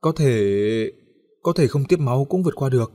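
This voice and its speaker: A man's voice: medium pitch, animated, moderate pace, lightly acted. A man voicing a young nurse who speaks timidly and politely to a doctor and a mother. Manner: soft-spoken, polite.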